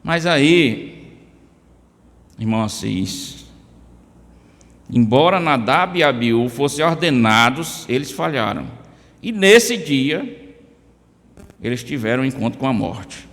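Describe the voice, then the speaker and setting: A man's voice: medium pitch, expressive, slow pace, long pauses, fairly bright tone. A man from Brazil with a Brazilian Portuguese accent preaching a sermon in church, addressing listeners by name with emphatic rises. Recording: church hall reverb.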